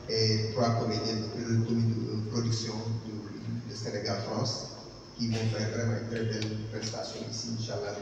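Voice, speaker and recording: Guy giving a thank-you speech, lots of ums and restarts, muffled, noisy hall. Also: medium pitch. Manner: halting, with many fillers and restarts. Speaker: exhibition curator giving a speech. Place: large hall at an art gallery. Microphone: far camera. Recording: echoey hall from far off, dull, noisy.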